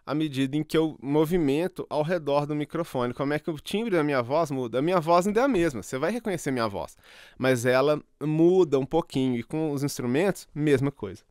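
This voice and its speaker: A man's voice: a little high, a little fast, a little mellow, smooth, dry recording. Man demonstrating studio mics. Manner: explanatory, moves around the mics, level swings with distance. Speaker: audio tutorial host. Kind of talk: hands-on demonstration. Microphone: studio microphones at shifting distances.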